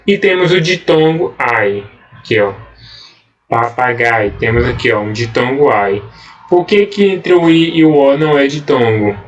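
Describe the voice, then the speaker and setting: A man teaching a grammar lesson to middle-school students, explaining step by step, drawing out key words and checking in with quick "ok?" tags, in a Brazilian accent. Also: mid-range voice, expressive, far from the mic, dull audio. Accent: Brazilian Portuguese. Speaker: Portuguese teacher. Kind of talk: recorded grammar lesson for seventh graders.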